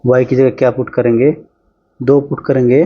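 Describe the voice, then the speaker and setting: Brisk chatty male math tutor. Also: mid-range voice, little pitch movement, slightly rough, lo-fi sound. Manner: brisk, chatty, talks while solving on screen. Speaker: teacher. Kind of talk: exam-prep math lesson.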